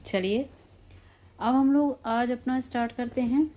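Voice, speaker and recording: एक महिला शिक्षिका, जो बच्चों को धैर्य से शब्दों के अर्थ समझाती है और हर शब्द को धीरे-धीरे दोहराती है।. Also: female voice, high voice, dark tone. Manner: repeats each word slowly, patient classroom explaining. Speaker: teacher. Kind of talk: explaining word meanings to children.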